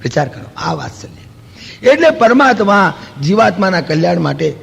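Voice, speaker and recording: A man's voice: sits high, normal speed, gravelly, breathy edge. A man with a Gujarati accent giving a spiritual discourse, telling stories with rhetorical questions and acting out quoted dialogue. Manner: storytelling with rhetorical questions and homely examples; acts out quoted dialogue in lively asides. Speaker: spiritual lecturer. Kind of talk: Vedanta discourse. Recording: long hall reverb.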